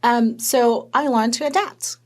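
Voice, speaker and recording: Speaking a little high and a little slowly, a Hong Kong-raised woman recounts her story as an interview guest, animated and lively in a conversational setting.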